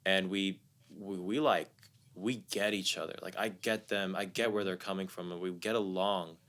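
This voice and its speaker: A young American man, a guest musician in an interview, speaks casually and reflectively, often repeating words as he thinks. His low-pitched voice has fairly even intonation, a moderate pace and a fairly bright tone.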